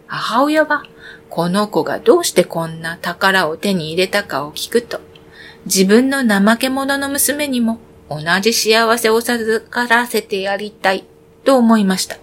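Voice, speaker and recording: A woman's voice: fairly high pitch, fairly bright tone. Woman reading a fairy tale aloud. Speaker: storyteller.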